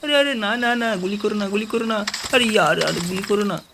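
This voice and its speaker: A man's voice: high voice, steady tone, moderate pace, background noise, lightly acted. A man voicing a small, clingy pet cat in a video game, whining and pleading with its owner.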